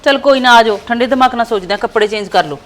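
A woman's voice: on the high side, very fast, reverberant, slight background noise. A young woman playing an indignant, complaining daughter-in-law in a family skit.

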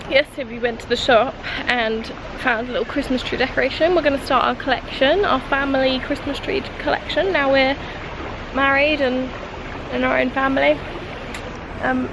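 A British woman in her twenties chatting casually to a handheld camera as she vlogs outdoors at a resort. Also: high-pitched. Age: 20s. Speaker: vlogger on honeymoon. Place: outdoors at a resort, by and in an open-air pool. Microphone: handheld camera at arm's length. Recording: noisy outdoor holiday camera audio.

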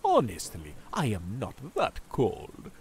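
A man playing a suave, sinister aristocratic vampire count in an audio drama, with a theatrical, condescending, drawn-out delivery. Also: lowish voice, wildly swooping pitch, a little hiss or hum, exaggerated voice. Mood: smooth, sinister. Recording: music under the voice.

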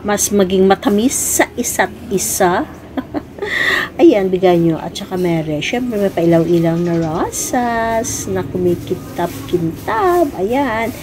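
A woman's voice: medium pitch, lively intonation, slow pace, darkish tone, slight background noise, rough recording. A woman with a Filipino accent, vlogging casually as she walks around an office bazaar with her phone. She chats along and keeps saying "ayan" between items. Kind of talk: casual walk-through vlog. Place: indoor office bazaar with crowd. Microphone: handheld phone camera. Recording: phone video with crowd chatter.

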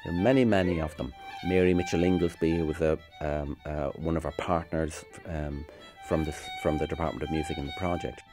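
A middle-aged university music academic speaks in a very low, steady voice, reflective and slightly halting, as though in a documentary interview. Fiddle music plays in the background behind him.

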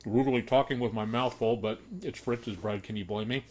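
Folksy middle-aged home cook, low-ish voice, relaxed vlog chatter that repeats itself. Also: male voice, moderate pace. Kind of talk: casual cooking vlog.

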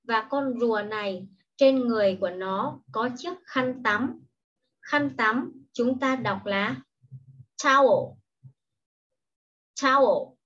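Very unhurried and patient, a woman who teaches primary school English takes young children through an online lesson in a slightly husky, fairly high voice with a fairly bright tone. Every word gets an explanation, then a careful English pronunciation, frequently repeated. The audio sounds dull and lo-fi.

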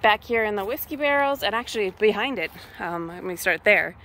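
A woman's voice: medium pitch, lively intonation, a little fast, a bit bright. A woman from Massachusetts casually walking through her garden and thinking aloud with many ums. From Massachusetts, USA. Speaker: homesteader giving a garden tour. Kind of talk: casual walk-through vlog. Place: outdoor garden.

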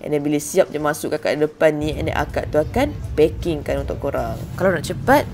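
A young Malaysian woman talks over her food vlog in a relaxed, conversational voice-over, full of chatty asides and self-mocking remarks to her viewers. Her voice sits fairly low, with faint music playing behind it. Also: a little fast. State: hungry while fasting. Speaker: food vlogger. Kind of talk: casual voice-over narration.

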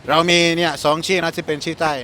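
Higher-voiced Cameroonian man speaking foreigner's broken Thai. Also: level tone, fast, sharp tone, a little hiss or hum. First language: not Thai, speaks it as a foreigner. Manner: foreigner's fluent but broken Thai, wordy and repetitive. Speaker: interview guest. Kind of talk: casual chat.

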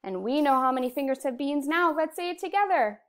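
A woman in her thirties with an American accent, teaching young children in a kindergarten teacher voice, with simple encouraging phrases and clear counting. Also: high voice, animated, brisk, a bit bright. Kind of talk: slow instructional lesson to young children. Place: indoor room, recorded video lesson at a computer.

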